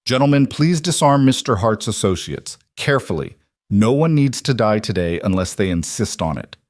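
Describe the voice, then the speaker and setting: A man voicing a calm, firm federal marshal in a western tale. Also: on the low side, moderate pace, no room sound, clean studio sound. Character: stern, fair-minded federal marshal, grown man.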